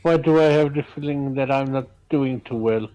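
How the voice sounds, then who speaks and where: A man's voice: mid-range voice, moderate pace, warm tone, low-quality recording. A man playing an online tabletop game, making dry remarks and explaining the game's rules. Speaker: player. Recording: faint music underneath.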